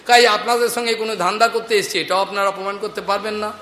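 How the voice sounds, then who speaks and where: Male preacher, Bengali accent, high sharp voice, earnest and anecdotal, long hall reverb. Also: fairly even intonation, fast talker. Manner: earnest, anecdotal, addressing the audience directly. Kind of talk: devotional scripture talk. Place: lecture hall in a market space. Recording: echoey hall recording with faint noise.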